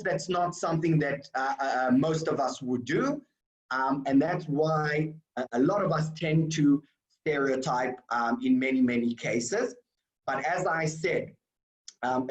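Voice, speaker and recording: A man's voice: a little high, highs cut off. Man giving an echoey online training. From South Africa. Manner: explanatory, with fillers and restarts. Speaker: workplace culture trainer.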